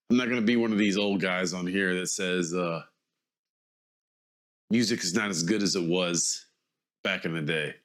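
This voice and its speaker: A man in his forties speaks in a low, fairly bright voice that sounds a little congested. He's vlogging in a loose, rambling way, hesitating, correcting himself and circling around what he means.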